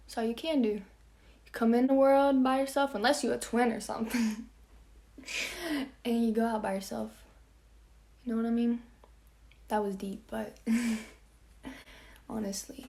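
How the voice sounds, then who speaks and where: A teenage woman vlogging in a frank, chatty way. She laughs often and trails off into soft asides. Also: a little high. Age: teens. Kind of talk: casual vlog monologue. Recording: echoey room.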